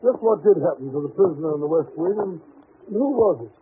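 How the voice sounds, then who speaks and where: An actor playing an earnest, sentimental doctor, the detective's companion, in an old-time radio drama. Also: male voice, fairly high pitch, lively intonation, a little fast, lightly acted. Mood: curious, sympathetic. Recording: echoey, tinny, noisy old radio recording.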